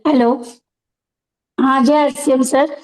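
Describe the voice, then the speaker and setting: A woman's voice: high-pitched, fairly even intonation, slow, darkish tone, poor audio. A woman with a sore throat giving a brief, grateful thank-you while traveling, speaking from her phone. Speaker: award honoree.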